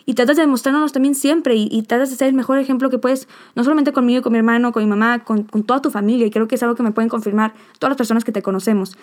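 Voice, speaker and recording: A woman's voice: fairly high pitch, steady tone, rapid-fire, few pauses, darkish tone. A young woman hosting a podcast, talking heartfelt and rambling. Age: young adult. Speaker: podcast host. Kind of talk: emotional podcast chat.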